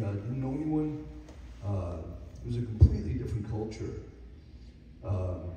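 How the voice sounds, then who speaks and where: A guest speaker in his forties gives a halting, personal speech at a dedication, his mellow, lowish voice cracking with emotion amid many fillers. The recording is noisy and echoey, made in a hall with the mic placed far away.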